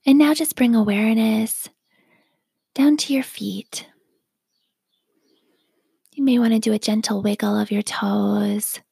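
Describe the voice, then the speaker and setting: A woman guides a meditation in a hushed, breathy half-whisper, with a gravelly fry at the ends of her phrases. She speaks slowly and calmly, gently leading the listener. The sound is dry and close, with no room around it. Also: on the high side, dry recording. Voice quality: soft whispery breathy delivery. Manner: slow, calm, gently instructive.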